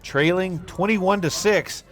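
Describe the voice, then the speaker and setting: A man doing play-by-play commentary on a local football game, calling plays briskly with relaxed asides. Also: sits high. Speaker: play-by-play announcer.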